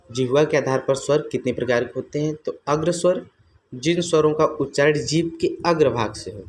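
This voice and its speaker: A man's voice: on the high side, a little mellow, a little hiss or hum. A man teaching an exam-prep grammar lesson, asking his own questions and answering them, repeating each term.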